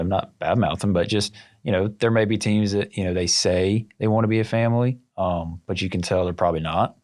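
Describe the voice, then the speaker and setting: A man with a very deep voice hosts a podcast interview. He is encouraging and quick to laugh along with his guest. His questions come in a steady, conversational way. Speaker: podcast host.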